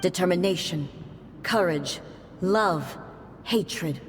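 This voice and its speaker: An actress playing a solemn, imperious puppet shogun who guards eternity, in a dramatic video game style. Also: female voice, fairly low pitch, slow pace, big-room sound. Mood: solemn, grand. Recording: game music behind the voice.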